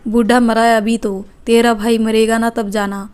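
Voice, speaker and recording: A woman's voice: on the high side, little pitch movement, moderate pace, darkish tone, clean tone, natural voice. A woman voicing a drunk, rude young married man in a read-aloud family story. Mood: contemptuous. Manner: insulting, dismissive.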